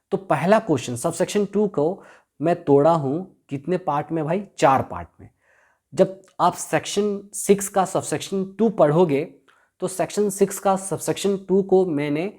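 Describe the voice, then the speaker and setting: A man's voice: on the high side, darkish tone. Guy teaching law class, keeps asking "got it?" and answering himself, repeats stuff a lot. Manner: constantly quizzes the listener and answers himself; repetitive, drills key terms. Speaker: law lecturer. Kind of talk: classroom lecture explaining law.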